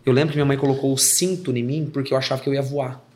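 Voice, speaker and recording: A man with a Brazilian Portuguese accent, a worship pastor and podcast guest, telling a story in a casual, animated, slangy way and acting out the people in it. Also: mid-range voice, very fast. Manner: animated, acts out remembered dialogue in his story; slangy, informal. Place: podcast studio.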